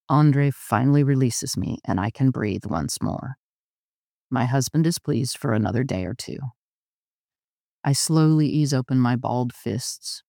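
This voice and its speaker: A man reading a first-person literary story aloud in a measured, intimate narration. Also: mid-range voice, creaky, darkish tone, no room sound, studio quality. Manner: measured, intimate, often slow. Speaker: audiobook narrator.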